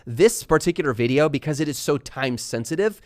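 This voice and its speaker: A man from Texas and California hosting a casual live stream, talking fast and energetically while reading viewer comments aloud. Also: fairly high pitch, expressive, no echo, clean studio sound. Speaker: livestream host answering viewer questions.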